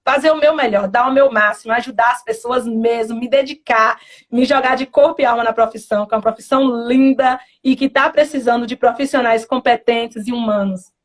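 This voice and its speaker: A young woman with a Bahian Portuguese accent talks in a casual interview. Her voice sits high, and she speaks earnestly and from the heart, often slipping into her mother's words. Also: fairly even intonation, fairly quick. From Brazil. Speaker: interviewed medical student.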